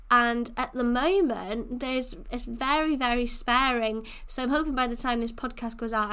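A woman in her 20s hosts a casual solo podcast, chatting freely and using "like" and "you know" a lot. Her voice is on the high side, a bit bright and smooth.

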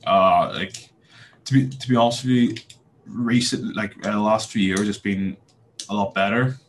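In casual interview talk on a podcast, a young Belfast-accented man from Northern Ireland hesitates often, with many fillers and restarts. His voice is on the low side and his speed normal, with slight background noise.

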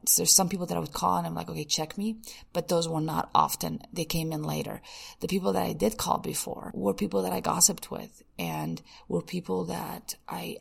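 A woman's voice: on the low side, creaky, slightly rough. A woman hosting a podcast episode, speaking to listeners in a candid, coaching self-help monologue and often posing rhetorical questions. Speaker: podcast host.

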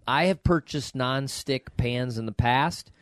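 A man hosting a podcast in casual, jokey chat, his voice hoarse and raspy from allergies, like a smoker's rasp. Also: medium pitch, measured pace, a bit bright, no room sound, clean studio sound. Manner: jokey, colloquial. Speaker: podcast host.

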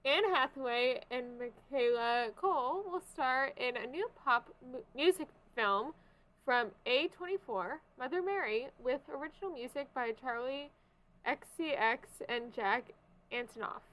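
Casting: female co-host, slightly high pitch, informal delivery of entertainment news and casual chat. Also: animated, measured pace, fairly bright tone, low-quality recording. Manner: informal, loose paraphrasing between read items. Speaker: podcast co-host. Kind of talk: entertainment news podcast, reading items and chatting.

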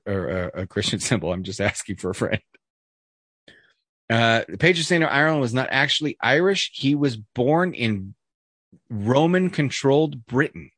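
A podcast co-host reads a list aloud in a casual chat, breaking off into jokey asides. His ordinary middle-pitched voice, fairly bright in tone, is full of "uh"s and restarts. The recording is dry and close, with no surrounding room sound.

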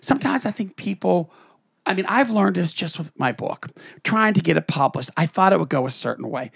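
A theatrical middle-aged man co-hosting a podcast, his pitch leaping all over and his voice roughened by fry. He talks bluntly and swears freely, recorded dry and close with no room sound. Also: animated, fairly quick, fairly bright tone, no room sound. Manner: theatrical, swooping voice, profane and blunt. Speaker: podcast co-host. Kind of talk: candid family storytelling.

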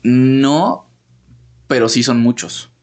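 A young man with a Mexican Spanish accent tells a long, meandering story in casual podcast chat. His voice sits at a middle pitch with a gravelly rasp. He leans on slang and fillers as he talks. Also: slow, darkish tone. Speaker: podcast co-host. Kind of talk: casual conversation.

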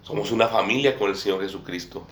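A man with a deep voice preaches quickly to a small congregation in a church room with a table, recorded in an echoey space. He often repeats phrases and calls his listeners brother and sister.

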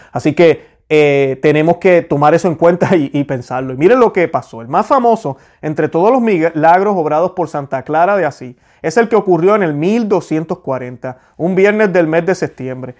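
A man's voice: on the high side, a little mellow. A man giving an informal sermon, fervent, repeating key phrases and restarting sentences as he goes. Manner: hesitant restarts mid-sentence. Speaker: preacher.

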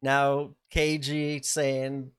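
Casting note: male podcast co-host, smooth clear voice, dry close sound, rambling casual delivery. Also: medium pitch, monotone, drawn-out words, no room sound. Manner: rambling, many fillers and restarts. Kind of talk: casual chat.

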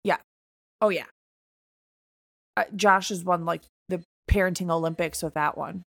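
A woman in her thirties co-hosting a podcast, chatting casually and telling animated, joking stories. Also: lowish voice, moderate pace, creaky, no room sound, clean studio sound. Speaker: podcast co-host. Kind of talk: casual chat.

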